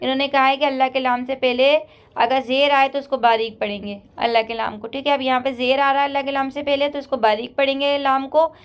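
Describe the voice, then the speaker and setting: A woman teaching Quran reading rules step by step, explaining patiently, checking in often, and slowly chanting each example word. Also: high voice, level tone, clean tone. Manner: patient, repeats "theek hai" often, chants the sample words slowly and drawn out. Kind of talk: step-by-step recitation lesson.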